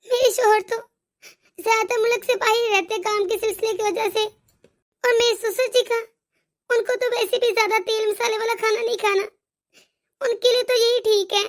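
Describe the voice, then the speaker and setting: Woman voicing a very high fed-up young wife. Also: fairly even intonation, normal speed. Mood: aggrieved. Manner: complaining, pleading. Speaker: daughter-in-law. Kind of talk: animated moral story.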